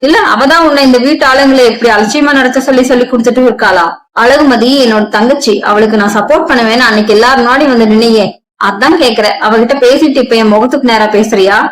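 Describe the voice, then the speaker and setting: A woman voicing a harsh, scolding middle-aged mother-in-law who talks in a sharp, scornful way. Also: a little high, quick pace, close to an everyday voice, low-quality recording. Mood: angry scolding.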